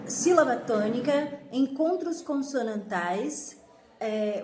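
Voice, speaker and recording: A woman with a high voice walks her students through a review lesson. She is clear and didactic and slows down to stress each example word. The room gives her voice a noticeable echo. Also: mellow, a little hiss or hum. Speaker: teacher.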